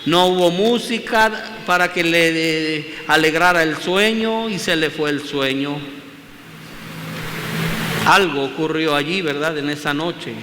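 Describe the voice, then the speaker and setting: A man's voice: fairly high pitch, a little slow, bright, forceful tone. A man preaching a sermon in a church, speaking emphatically and repeating phrases as he addresses his listeners as brothers. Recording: long hall reverb, faint room noise.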